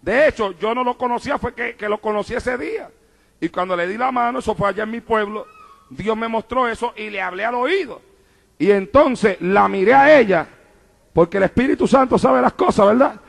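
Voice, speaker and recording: Male preacher, very high gravelly voice, fervent repetitive sermon delivery. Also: brisk. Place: church in New York.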